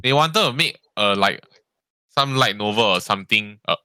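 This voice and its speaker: A man's voice: fairly low pitch, lively intonation, normal speed, pushed and bright, no room sound. A man in casual podcast chat, rambling and tagging sentences with "lah". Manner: rambling, frequent "lah" and "ah" tags, swears. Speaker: podcast co-host.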